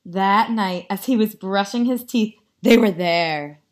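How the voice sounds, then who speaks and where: A woman reading a picture book aloud, telling it dramatically with hushed, spooky drops. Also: mid-range voice, unhurried. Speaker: story reader.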